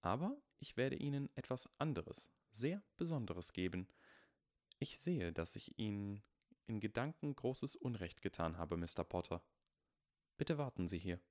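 A man voicing a stern, dignified older woman professor with slow, hushed, formal speech, as in an audiobook. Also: lowish voice, big pitch swings, no room sound, studio quality. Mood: earnest.

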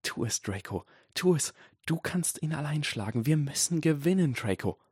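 A man's voice: fairly low pitch, huge pitch swings, a little fast, darkish tone, no room sound, clean studio sound. A man voicing a fierce, determined teenage witch girl, cool and sardonic, in an audiobook reading. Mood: urgent whisper. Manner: cool and sardonic, then urgent whispers.

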